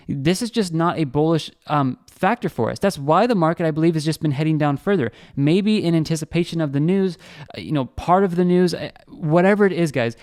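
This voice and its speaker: A young man hosting a crypto trading channel, giving fast, excitable screen-share market commentary and talking straight to his viewers. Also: fairly high pitch, no echo, clean studio sound.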